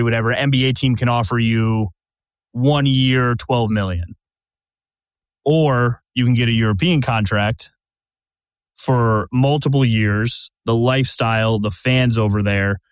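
Steady man hosting a sports podcast. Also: medium pitch, moderate pace, clean tone, dry recording. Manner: steady, lays out questions and scenarios. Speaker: podcast host. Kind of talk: casual sports chat.

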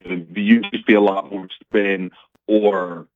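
A deep-voiced man talks earnestly over a phone call that keeps breaking up and dropping out. His voice comes through muffled and lo-fi, close and dry with no room around it. He talks in a loose, conversational way, filling his sentences with "you know". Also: level tone, a little slow, no echo. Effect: breaking-up phone connection. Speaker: guest, local news reporter. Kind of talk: casual chat.

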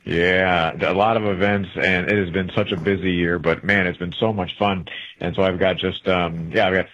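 A man's voice: deep voice, fairly even intonation, normal speed, a bit bright, dull audio. A man who is a traveling correspondent, chatting casually and rambling with many fillers and restarts, heard through an AM radio broadcast. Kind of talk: casual call-in chat on a radio talk show.

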